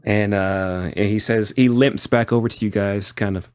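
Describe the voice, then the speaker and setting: A man working as game master, narrating a tabletop roleplaying game in a halting, piecemeal way. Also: on the low side, fairly even intonation, a little mellow, clean tone.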